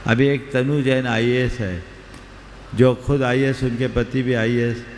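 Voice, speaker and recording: A man, a monk, giving calm, measured counsel in a spiritual question-and-answer session. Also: medium pitch, a little hiss or hum. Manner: measured, advisory, gives brief counsel. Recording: long hall reverb, roomy, faint ambience.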